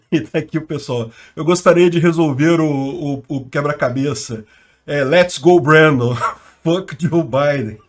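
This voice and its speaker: A man's voice: on the high side, moderate pace, a little mellow. A man with a Brazilian Portuguese accent, hosting a channel and commenting on the news in a chatty, slangy way, laughing often. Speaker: channel host.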